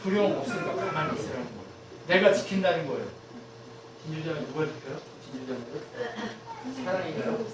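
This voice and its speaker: Pastor giving a sermon, lots of questions to the crowd, big echoey hall, a steady hiss of room noise underneath. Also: fairly quick, long pauses, recorded from a distance. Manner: asks the congregation constant rhetorical questions; swings between loud emphatic peaks and hushed low lines. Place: church sanctuary.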